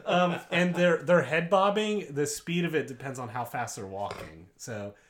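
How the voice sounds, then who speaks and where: Laughing young man, lively pitch. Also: moderate pace. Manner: laughs often, rambling with fillers. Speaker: podcast host. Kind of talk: casual chat.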